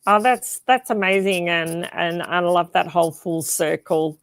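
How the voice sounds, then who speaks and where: A woman hosting a live-stream chat over a video call, talking slowly in a low-set voice. The sound is dry and close, and she backs her guest with short, encouraging replies. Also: clean tone, no echo. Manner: warm encouraging listener, short affirmations. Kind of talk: casual interview chat.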